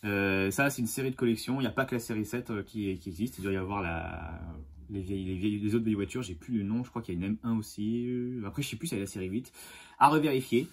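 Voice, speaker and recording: A man hosting a casual unboxing vlog as a model car collector, enthusiastic and halting, with many fillers and restarts. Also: lowish voice. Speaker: die-cast model car collector and channel host.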